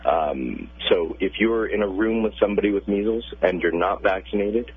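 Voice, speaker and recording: A pediatrician, a man, calmly explaining medical questions as a guest on a radio interview, heard over a phone line. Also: on the low side, moderate pace, husky.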